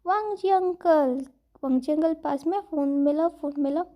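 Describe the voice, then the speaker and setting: A woman's voice: sits high, moderate pace, muffled recording, lightly acted. A woman voicing a cute, cheeky little boy who chatters sweetly and a bit mischievously in a fan fiction retelling.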